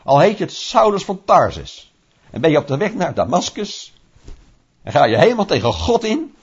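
A man preaching a sermon in a lively, conversational way, asking rhetorical questions and acting out little scenes. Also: high-pitched, moderate pace, husky. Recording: dull lo-fi recording.

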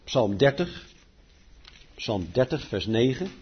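A man preaching a sermon, declaiming scripture loudly and then dropping to quiet asides. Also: medium pitch, very animated, takes it slowly, a little hiss or hum. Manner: emphatic, swings between loud declaiming and quiet asides. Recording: dull lo-fi recording.

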